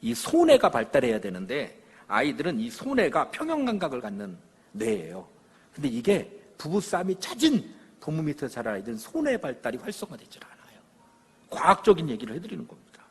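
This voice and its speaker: Animated, husky man lecturing in a church. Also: fairly high pitch, fairly quick, long reverb tail. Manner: animated storytelling, acting out quoted lines, checking with the audience. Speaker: lecturer on parenting. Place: church hall.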